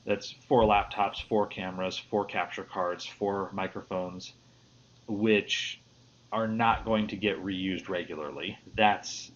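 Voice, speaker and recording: Midwestern man, host of a live panel stream, lowish voice, easygoing and rambling, muffled lo-fi audio. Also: a bit bright. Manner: easygoing, rambling with frequent restarts. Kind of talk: casual livestream panel chat. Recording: lo-fi stream audio with faint hiss.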